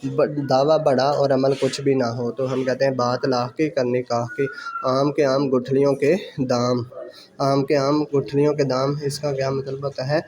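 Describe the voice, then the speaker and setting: Man drilling quiz answers, flat delivery. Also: mid-range voice, noisy background. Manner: repeats each question and answer slowly for dictation; mixes English exam terms into his speech. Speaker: exam prep teacher.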